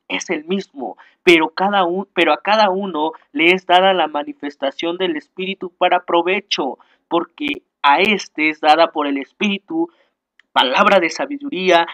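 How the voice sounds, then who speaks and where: This is a male preacher delivering a sermon. He reads Bible verses aloud, then explains them in his own words. He often stumbles and restarts, and he slows down to stress key phrases. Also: fairly high pitch, a bit bright.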